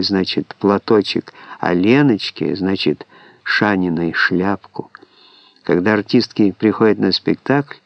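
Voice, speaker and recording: A man calmly reading an audiobook in a measured, scripted narration. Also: fairly low pitch, no echo. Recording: dull, dry lo-fi MP3 audiobook recording.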